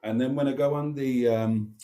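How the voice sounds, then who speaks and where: A British man in his fifties hosts a casual live stream, his medium-pitched voice warm, steady in tone and at a normal speed. He rambles, ums often, jokes at his own expense and calls the audience darlings.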